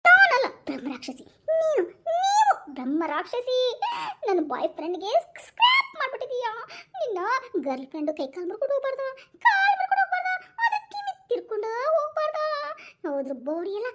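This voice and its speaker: A woman's voice: extremely high pitch, very animated, very fast, hardly any pauses, very noisy, voice pushed up. A woman voicing a cheeky young woman who picks fights, speaking with a North Karnataka Kannada accent and a taunting, squabbling manner. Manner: squabbling, taunting, singsong teasing.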